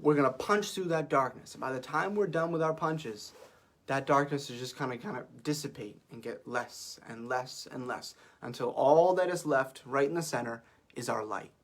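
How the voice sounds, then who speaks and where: A man's voice: medium pitch, moderate pace. A young man teaching a martial arts class to camera from an office, upbeat and coaching, a little out of breath. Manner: upbeat, coaching, counts out loud and shouts "ha" on punches. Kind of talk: guided workout class to camera. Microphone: camera facing him.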